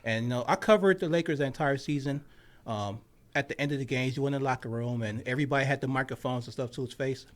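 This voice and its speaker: Young man, sports journalist, casual podcast storytelling, lots of fillers, animated. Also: fast. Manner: animated, filler-heavy, dips low when quoting his own thoughts. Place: outdoors on college grounds.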